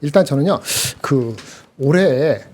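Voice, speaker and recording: A man's voice: on the high side, lively intonation, takes it slowly, warm tone. A male market commentator on a live show, chatting casually and rambling with self-corrections. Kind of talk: casual chat.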